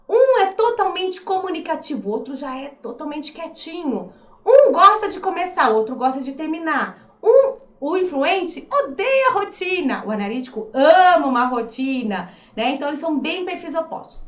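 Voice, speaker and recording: A Brazilian woman in her thirties, a behavioral profile coach, explaining in a lively casual way and acting out little quoted voices. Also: high-pitched, muffled recording. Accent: Brazilian Portuguese. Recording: echoey room.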